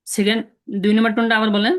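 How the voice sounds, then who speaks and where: A patient man leads an online language lesson over a video call. He repeats each sound slowly and clearly so his students can copy him, with a steady, encouraging pace. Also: high-pitched. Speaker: language teacher.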